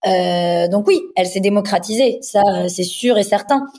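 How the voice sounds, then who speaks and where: A woman in her thirties from France, a designer speaking as a guest in a relaxed interview, passionate and pausing often on fillers. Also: mid-range voice. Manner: passionate, hesitant with frequent fillers. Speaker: guest, wedding dress designer. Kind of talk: casual interview chat.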